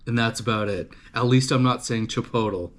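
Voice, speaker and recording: A man's voice: mid-range voice, fairly even intonation, fairly quick, a bit bright. A man from Canada casually chatting to his livestream viewers, rambling and swearing, with lots of fillers and restarts. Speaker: livestream host. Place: home livestream setup.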